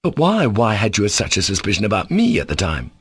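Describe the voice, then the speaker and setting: A man reading an audiobook, voicing an enraged young nobleman who shouts and gives orders. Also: fairly low pitch, wildly swooping pitch, a little fast, husky, dry recording, full character voice. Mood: furious. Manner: shouting, peremptory. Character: furious young nobleman, agitated and imperious.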